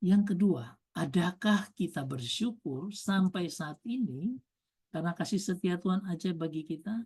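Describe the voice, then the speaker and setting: A woman's voice: fairly low pitch, measured pace, mellow, breathy edge. A woman preacher telling a testimony in a sermon, building emphasis and using repeated lists.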